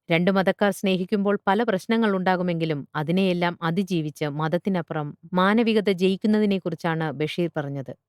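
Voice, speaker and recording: A woman narrating a short story with a steady, measured delivery. Her voice is on the low side, and the recording is dry and close with no room sound. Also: no room sound. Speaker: story reader. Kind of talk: reading a short story aloud.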